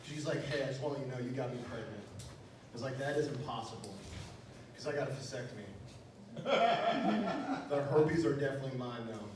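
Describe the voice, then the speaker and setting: Lively intonation runs through this young man's mid-range voice as he delivers fairly quick, often-paused stand-up on a small club stage. He's from Wisconsin, and his jokes are crude and self-deprecating, full of "you know." A distant mic captures the echoey room along with faint noise.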